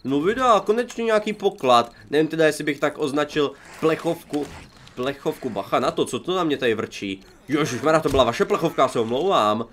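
A young man, commentating his own survival game playthrough, chatty and joking, with excitable outbursts. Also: on the high side, slight background noise. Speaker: gaming YouTuber. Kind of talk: let's play commentary.

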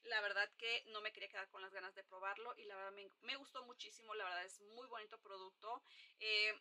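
Bright-voiced chatty woman. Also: mid-range voice, fairly even intonation, fairly quick. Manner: chatty, hesitant, with frequent fillers. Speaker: makeup vlogger. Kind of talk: casual product review chat.

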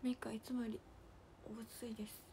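A young woman with a hosting a casual livestream. She chats and giggles, reads out fan comments, and drops to soft near-whispers to thank viewers. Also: on the high side, level tone, fast, slight background noise. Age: young adult. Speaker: idol livestream host.

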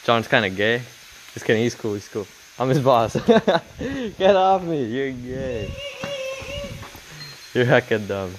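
With a medium-pitched, sing-song voice, a young man speaks slowly and leaves long pauses while he records his coworkers on his phone. The vlog talk is casual and teasing, full of frequent laughter. The setting is a big indoor warehouse floor, captured by a handheld phone camera amid noisy ambience.

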